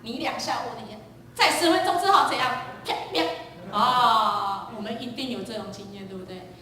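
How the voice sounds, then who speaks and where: A woman preacher giving a sermon, telling a lively story and quizzing the congregation. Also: a little high, moderate pace, slight background noise. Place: church sanctuary. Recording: echoey church hall, distant mic.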